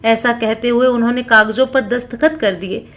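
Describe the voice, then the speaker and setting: A woman's voice: steady tone, moderate pace, fairly bright tone. A woman narrating a family moral story, voicing every character in her own voice with only small changes. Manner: reads all characters in her own voice, small pitch shifts.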